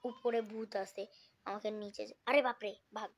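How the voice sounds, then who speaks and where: A woman giving casual, chatty commentary while playing mobile games, often dropping into a hushed whisper. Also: medium pitch, fairly even intonation, normal speed. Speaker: gaming vlogger.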